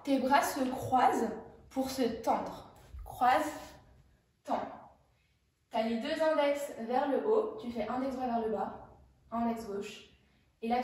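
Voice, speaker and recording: High-voiced woman teaching dance in an echoey studio. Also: darkish tone, recorded from a distance. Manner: counts out moves with sung sounds like "foum" and "poum"; sings along in English during the run-through. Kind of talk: dance tutorial instruction.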